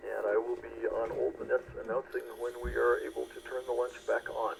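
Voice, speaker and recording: Very gravelly man on two-way radio. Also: mid-range voice, level tone, brisk, poor audio. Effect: two-way radio transmission. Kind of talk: amateur radio net announcements. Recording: radio transmission with faint noise.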